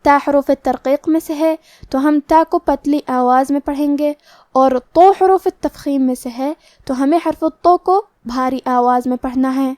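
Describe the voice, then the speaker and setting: A woman's voice: high-pitched, a little mellow, no room sound, studio quality. A woman with a Pakistani Urdu accent, teaching Quran recitation rules, explaining each letter step by step in a methodical way. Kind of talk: tajweed lesson with slow recitation.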